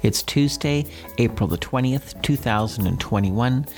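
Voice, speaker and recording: A man speaking as a school principal and host, giving earnest, welcoming morning announcements and interview questions in a halting way with frequent ums. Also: mid-range voice, lively intonation, a little mellow, soft background music.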